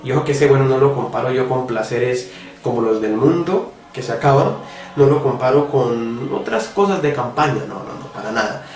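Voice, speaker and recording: A man's voice: mid-range voice, animated, moderate pace, recorded from a distance. A man giving a devotional reflection, talking earnestly and asking the listener direct questions. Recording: roomy echo, voice from off the mic, faint music.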